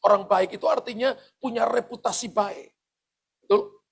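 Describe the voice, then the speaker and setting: A man's voice: very high voice, normal speed, creaky, breathy edge. A male pastor giving a sermon, speaking straight to his congregation with asides and the odd chuckle. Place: church service.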